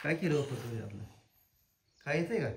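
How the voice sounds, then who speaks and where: A man's voice: medium pitch, lively intonation, a little fast, gravelly. A man vlogging at his village home outdoors, coaxing and scolding the children and calling out to them. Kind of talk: casual family vlog.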